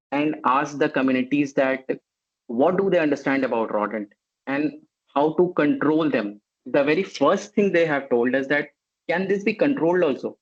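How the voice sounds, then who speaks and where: A man presenting field work in a webinar, quick and loose with fillers. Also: medium pitch, highs cut off. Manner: fast, many fillers like "I mean". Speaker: project presenter.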